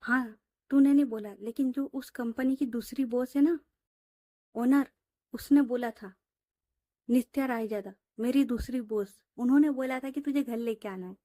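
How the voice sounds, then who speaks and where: A woman voicing a patient young female employee and friend who calmly explains herself. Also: on the high side, normal speed, no room sound, studio quality, natural voice. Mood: explaining. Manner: calm, explaining.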